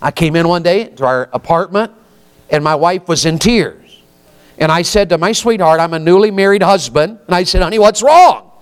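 Folksy male preacher, 50s, smooth and slightly high voice, keeps asking the pews questions. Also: normal speed. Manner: folksy, asks the congregation questions often. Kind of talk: sermon.

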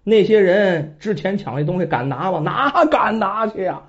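Storyteller spinning a bandit tale, very lively sing-song delivery, muffled lo-fi sound. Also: medium pitch, moderate pace. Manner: lively, dramatic, conversational asides. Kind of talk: traditional oral storytelling. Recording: dull lo-fi recording.

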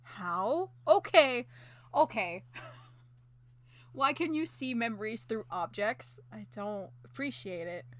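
A woman's voice: medium pitch, expressive, slow pace, long pauses, fairly bright tone. A woman in casual chat, recapping an anime episode with a co-host, laughing often and acting out the characters' lines with sarcastic quips.

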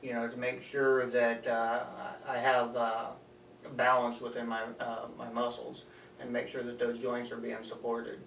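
Young male coach as interview guest: earnest and halting. Echoey room, slightly distant, faint noise. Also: medium pitch, completely flat delivery, gravelly, fairly bright tone. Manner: earnest, halting, talks in short stretches. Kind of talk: interview answers. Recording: echoey room, voice a bit off-mic, faint background hum.

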